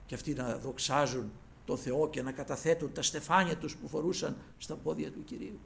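A man preaching a sermon, addressing listeners as brothers and retelling scripture in lofty old phrasing, swinging from loud cries to hushed asides. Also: on the high side, fairly even intonation, gravelly, slight background noise.

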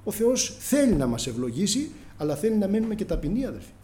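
A middle-aged male preacher delivers an impassioned sermon, his somewhat high voice swinging widely in pitch as he acts out prayers and exchanges. The tone is mellow and dark rather than bright. He keeps calling out to the congregation as brothers. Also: sing-song.

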